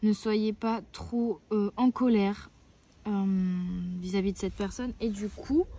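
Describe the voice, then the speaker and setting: A woman's voice: medium pitch, steady tone, takes it slowly, mellow, no room sound. Hesitant woman reading oracle cards. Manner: hesitant, often searching for words. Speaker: tarot and oracle card reader. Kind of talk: weekly card-reading guidance. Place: outdoors, near a tree.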